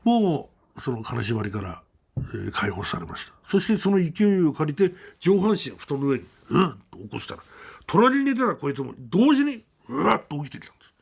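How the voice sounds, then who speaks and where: Male ghost storyteller, gravelly, husky, lively pitch, dramatic hushes. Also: normal speed. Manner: dramatic, with sudden drops to a hush. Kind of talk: live true ghost story telling.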